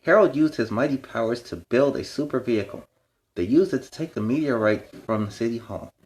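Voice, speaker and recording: A man's voice: medium pitch, a little fast, darkish tone, close to an everyday voice. A man playing a friendly young superhero who hosts a children's storytime, reading animatedly and explaining things in kid-friendly asides. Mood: earnest, animated. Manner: kid-friendly, explains words and gives advice.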